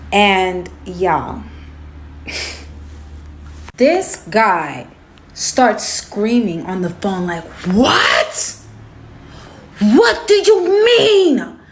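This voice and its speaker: A woman telling a personal story to her viewers in a casual storytime vlog, animated and chatty, calling them y'all and saying "like" often. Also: mid-range voice. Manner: animated, addresses viewers as y'all, heavy use of "like".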